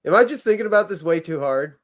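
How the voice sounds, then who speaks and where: A man's voice: high-pitched, animated, fast talker, fairly bright tone. Joking Illinois man co-hosting a podcast. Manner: joking, swears casually. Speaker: podcast co-host. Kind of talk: casual late-night chat.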